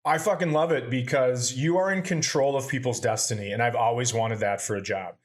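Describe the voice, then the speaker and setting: A podcast co-host with a mid-range voice and a slightly fast delivery leads a casual comedy chat. He reads out submissions deadpan and tells animated stories full of profanity.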